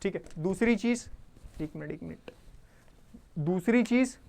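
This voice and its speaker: A man's voice: high voice, lively intonation, unhurried, vocal fry, darkish tone. A man teaching an online exam-prep lecture. He keeps asking and answering his own questions, checks in with the class often, and mixes Hindi with English definitions he reads aloud.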